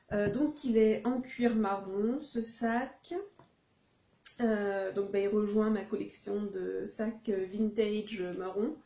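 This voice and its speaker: Woman doing a secondhand haul, mellow voice, lots of euh and restarts, kinda echoey room. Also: on the high side. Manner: chatty, many hesitations and self-corrections. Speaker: second-hand fashion vlogger. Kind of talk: casual haul video chat.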